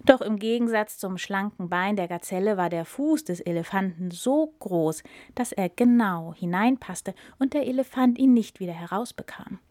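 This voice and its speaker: A woman narrating a children's storybook aloud in a calm, expressive manner. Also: mid-range voice, moderate pace, hardly any pauses, no echo, studio quality.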